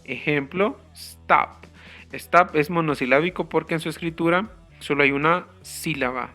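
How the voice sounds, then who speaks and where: A man explaining grammar rules step by step in a slow, careful teaching manner. His voice is bright and a bit high for a man, and soft guitar music plays in the background. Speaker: English teacher. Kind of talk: grammar lesson.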